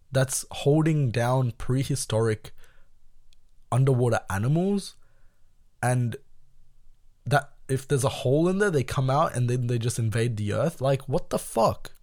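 A young man casually telling a personal story, swearing often, his voice jumping high when he gets worked up. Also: darkish tone, no echo, clean studio sound.

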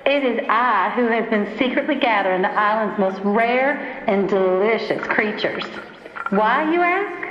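A scheming, gloating villainess in a comedic audio drama. She monologues with slow theatrical menace in a fairly high voice. The sound is echoing and a little dull. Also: animated, background noise. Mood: grandiose gloating. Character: gloating theatrical female villain, scheming gourmet of rare creatures.

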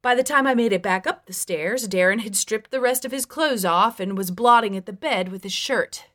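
A woman's voice: a little high, moderate pace, fairly bright tone. A woman reading her own memoir aloud in a frank, wry and profane way. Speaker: memoir narrator. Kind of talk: first-person memoir narration.

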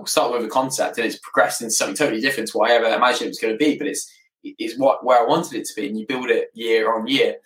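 A man's voice: medium pitch, fairly bright tone. A man in his thirties telling his story casually as an interview guest, often hesitating and repeating words as he goes. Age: 30s. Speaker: podcast guest, property business owner. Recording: roomy, echoing, distant from the mic.

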